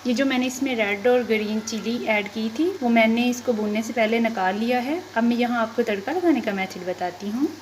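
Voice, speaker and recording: A woman's voice: a little high, fairly quick, few pauses, a little hiss or hum, low-quality recording. A woman with a Pakistani Urdu accent hosting a cooking channel, politely talking through a recipe step by step in a kitchen. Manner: polite, methodical, lists quantities step by step. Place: kitchen at the stove. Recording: frying and sizzling behind the voice. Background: sizzling oil and stirring.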